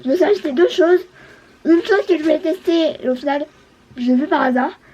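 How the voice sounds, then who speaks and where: A woman's voice: high-pitched, brisk, a little mellow, muffled recording, a little hiss or hum. A woman beauty vlogger chatting casually, hesitant and full of fillers. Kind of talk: casual chat.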